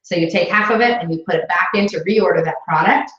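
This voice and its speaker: A woman's voice: lowish voice, fast talker, fairly bright tone. A woman in a roomy indoor space talks new recruits through how the business works, chatty and encouraging. Her voice sounds slightly dull, as if recorded on a basic camera. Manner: chatty and encouraging, many fillers. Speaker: sales director coaching new consultants. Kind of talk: casual training talk with a live booking call.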